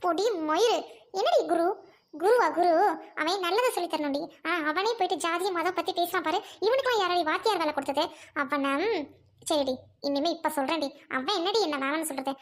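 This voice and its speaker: A woman acting as a sharp-tongued angry young sister, speaking with scolding contempt in a short drama. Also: extremely high pitch, brisk.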